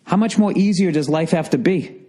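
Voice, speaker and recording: In a high voice with a dark tone, a middle-aged American man rants through a profane, exasperated comedy bit on his solo podcast. His pace is moderate.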